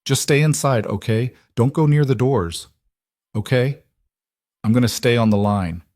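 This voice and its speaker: A man voicing a protective single father, speaking in a calm, steady, firm way. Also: medium pitch, measured pace, no echo, clean studio sound, close to an everyday voice.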